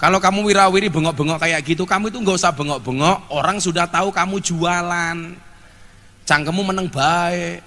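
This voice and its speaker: A man preaching a lively, joking sermon to a gathering, scolding and teasing the crowd by turns. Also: high voice, fast, hardly any pauses, in a large hall.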